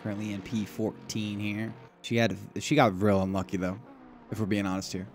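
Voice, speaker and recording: Low-voiced male motorsport commentator over engine noise. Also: little pitch movement, a little fast. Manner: casual, bantering. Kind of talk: live sim racing play-by-play commentary. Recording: clear engine noise behind voice. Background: car engine and race ambience.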